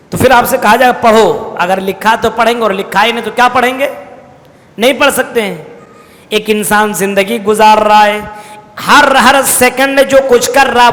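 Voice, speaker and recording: Male mosque preacher, higher voice, long hall reverb; slow verse recitation, plain-spoken explanation. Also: fairly bright tone. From India. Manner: explains verses, recites Arabic slowly then paraphrases; addresses listeners as brothers. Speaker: Islamic preacher. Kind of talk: Quran commentary sermon.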